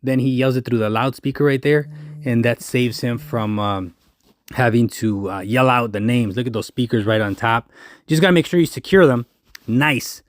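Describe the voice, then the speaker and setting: Male vlogger, mid-pitched, dry close sound, casual walk-and-talk tour of an outdoor festival. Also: moderate pace, no echo. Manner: chatty, points things out as he walks. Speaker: food truck owner and vlogger. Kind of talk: casual walking tour vlog. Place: outdoor food truck festival.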